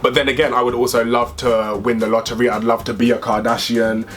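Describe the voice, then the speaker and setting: A young man from the UK co-hosting a vlog, chatting casually in a playful, animated way. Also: mid-range voice, a little fast, faint music behind. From United Kingdom. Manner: animated and playful, bursts into excited squeals. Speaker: co-host. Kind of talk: casual chat.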